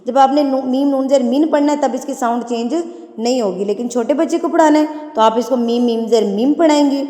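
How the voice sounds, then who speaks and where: Woman tajweed teacher, patient slow spelling, higher voice, long reverb. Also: mellow. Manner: patient, explains then spells words slowly syllable by syllable.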